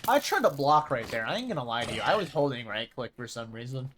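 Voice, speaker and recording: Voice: medium pitch, expressive, fast talker, a bit bright, slight background noise. A streamer rambling and thinking aloud over live gameplay in casual chat.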